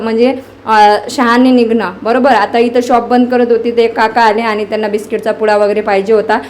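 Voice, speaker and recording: A woman's voice: a little high, a little mellow. A woman in her thirties, a vlogger at her small tea shop, talking to camera in an earnest, aggrieved, chatty way. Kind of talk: casual vlog, talking to camera.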